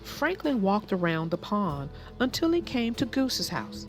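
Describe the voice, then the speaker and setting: Woman storyteller for kids, unhurried and sing-song, faint music bed. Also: medium pitch. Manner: expressive, sing-song reading. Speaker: storybook narrator and host. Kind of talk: children's read-aloud narration.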